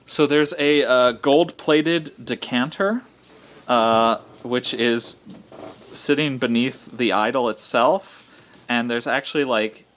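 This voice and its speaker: A man's voice: medium pitch, takes it slowly, fairly bright tone. A man running a tabletop game as game master, describing scenes with many fillers.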